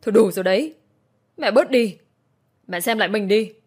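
Woman voicing a gentle young man. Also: medium pitch, moderate pace, faint music behind, lightly acted. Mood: scolding. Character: gentle young man, caring son and boyfriend.

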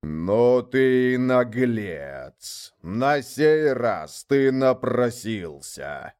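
A man's voice: fairly low pitch, lively intonation, a little mellow, smooth. Man voicing Yarleg, a thundering underworld giant. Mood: furious. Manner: thundering, growling, slow. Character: giant male underworld lord, wrathful, scornful.

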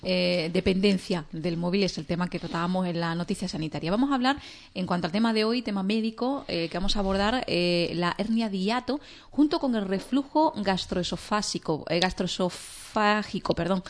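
A woman's voice: lowish voice, brisk, vocal fry. Woman presenting a radio health segment. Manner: conversational, leads topics with questions.

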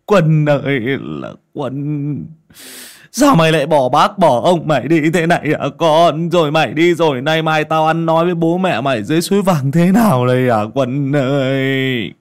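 An older uncle cries out his grief in a loud, rising and falling wail. His voice is higher than the storyteller's own, voiced by a male narrator. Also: lively intonation, normal speed, natural voice. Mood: anguished lament. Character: older village uncle, limp with grief, lamenting.

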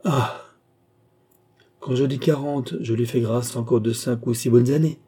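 Kindly court doctor, dark husky tone, musing then exasperated, read by a man. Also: medium pitch, steady tone, a little slow.

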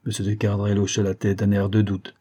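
A man narrates a classic novel in measured, even storytelling. His voice is low and dark, with a husky texture. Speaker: audiobook narrator. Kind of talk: scripted literary narration.

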